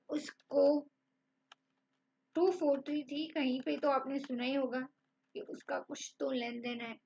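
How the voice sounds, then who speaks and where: A woman gives an online math lesson, talking students through each step in an encouraging way. Her voice sits high and she moves slowly. The recording is slightly dull and lo-fi. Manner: encouraging, addresses students as friends. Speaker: math teacher.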